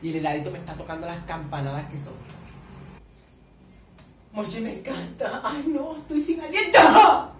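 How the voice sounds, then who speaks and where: A man with a Colombian Caribbean coast accent reacting excitedly to a series, swearing often and breaking into shrieks and squeals. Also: high-pitched, moderate pace, long pauses. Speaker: reaction vlogger. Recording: echoey room, distant mic, faint noise.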